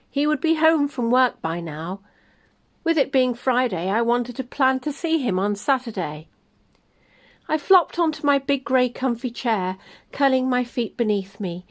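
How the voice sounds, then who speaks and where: A woman reading her own first-person story aloud in a gentle, expressive way. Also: a little high.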